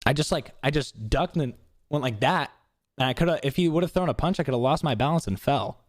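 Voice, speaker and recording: A man's voice: medium pitch, expressive, a little fast, no echo, studio quality. A young man casually reacting to footage of his own boxing match, swearing often and picking apart his mistakes.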